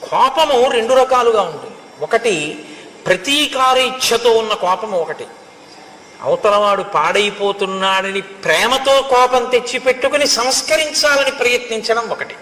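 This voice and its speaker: A man's voice: very high voice, moderate pace, sharp tone. A man voicing a wise male monkey counsellor who explains things in an earnest, firm way. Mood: counselling. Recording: echoey hall with long reverb.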